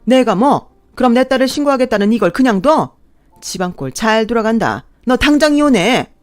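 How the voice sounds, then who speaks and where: A woman voicing a furious middle-aged mother-in-law who scolds loudly in a radio drama. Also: on the high side, lively intonation, normal speed, dry recording, soft background music, pitched above the performer's own voice, natural voice. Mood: scornful. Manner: loud, scolding, snapping.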